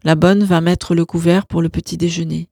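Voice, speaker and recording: A woman narrating a novel aloud in a calm, even storyteller's way. Her voice sits low and mellow, close and dry with no room sound. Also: moderate pace, gravelly, breathy edge, dry recording. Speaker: audiobook narrator.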